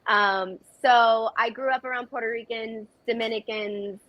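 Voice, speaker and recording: A woman's voice: a little high, fairly even intonation, unhurried, dry recording. Earnest woman actress on dull remote audio. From United States. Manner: earnest, reflective, frequent restarts. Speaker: actress, guest. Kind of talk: conversational interview answers.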